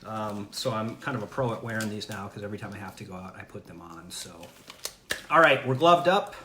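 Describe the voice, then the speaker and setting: At home indoors, a man hosts a casual livestream, upbeat and chatty as he tries food, often restarting his sentences. His fairly low voice is bright and forceful and a little fast. The camera or phone mic picks up an echoey room, faint ambience, and a little hiss or hum.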